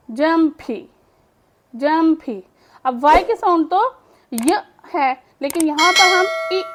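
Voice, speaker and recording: A woman teaching English phonics, explaining slowly in Urdu and saying each word twice. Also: sits high, fairly bright tone. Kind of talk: slow phonics lesson.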